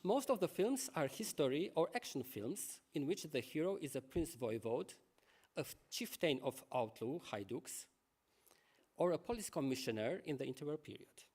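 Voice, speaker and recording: A man reads a prepared lecture to a conference audience. His voice sits a little high, and his delivery is measured. He breaks off now and then for asides to the listeners. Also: very animated, a little mellow.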